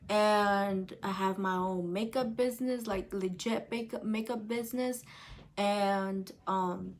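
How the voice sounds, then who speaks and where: Speaking slowly with a steady tone and medium pitch, a Salvadoran vlogger in her twenties answers viewer questions. She keeps it casual, using plenty of fillers and addressing her audience directly as "you guys."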